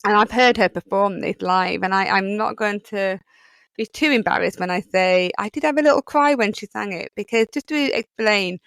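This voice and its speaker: Brief: Yorkshire woman podcast host, middle-aged, smooth resonant voice, rambling and chatty, close dry mic. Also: mid-range voice, moderate pace, fairly bright tone, no echo. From England. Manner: chatty, rambling, many fillers. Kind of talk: solo podcast monologue.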